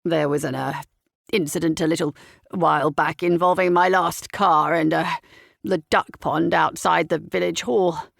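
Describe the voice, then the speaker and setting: A woman's voice: low-pitched, fairly even intonation, a little slow, creaky, dry recording, clean studio sound, voice pushed down, heavily acted. A woman voicing a pompous, blustering retired army major, an older man who grumbles and fumes. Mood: sheepish.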